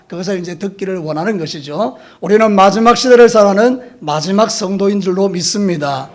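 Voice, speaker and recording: A male pastor preaching a sermon, telling vivid stories and rising to loud emphatic declarations to his congregation. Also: high voice. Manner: vivid storytelling, calls out to the congregation.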